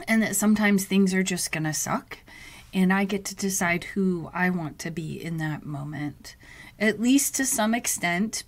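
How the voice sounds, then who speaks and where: A woman hosting her own podcast, speaking in a reflective monologue and thinking aloud with pauses and restarts. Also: mid-range voice. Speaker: podcast host.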